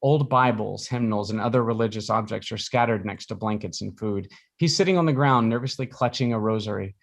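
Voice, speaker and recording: A man's voice: lowish voice, a little fast, creaky. A man reading stage directions as narrator at a live screenplay reading.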